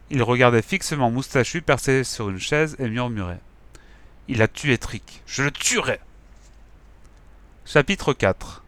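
A man narrates a children's novel with lively, expressive storytelling. His voice is bright and forward, recorded close and dry with no room around it. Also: medium pitch, dry recording. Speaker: audiobook narrator.

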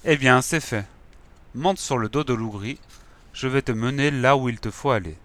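A man's voice: medium pitch, moderate pace, fairly bright tone, close to an everyday voice. A man voicing a loyal, wise talking wolf in a storybook reading, giving firm, reassuring advice.

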